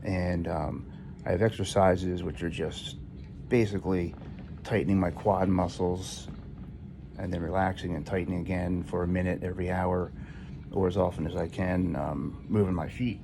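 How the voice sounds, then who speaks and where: A man speaks in a deep voice with a heavy, gravelly fry. He records a casual patient's video diary in a plain, matter-of-fact way, pausing to hunt for words. Clear room noise runs behind him. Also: fairly even intonation. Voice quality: low, gravelly voice. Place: hospital room, indoors. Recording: noisy room ambience behind voice.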